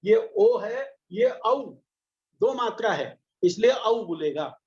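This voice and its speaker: Patient male teacher, unhurried, sounds out syllables one by one; echoey room, dull lo-fi audio. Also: high voice, animated. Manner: slow, patient, demonstrates each sound aloud. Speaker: Sanskrit teacher. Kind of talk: classroom lesson on pronunciation. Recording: echoey, slightly dull recording.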